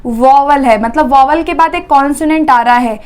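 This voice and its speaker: High-voiced woman teaching grammar. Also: normal speed, a little mellow. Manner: explains step by step, checks in with "ठीक है"; spells words out letter by letter. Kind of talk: exam-prep grammar lesson.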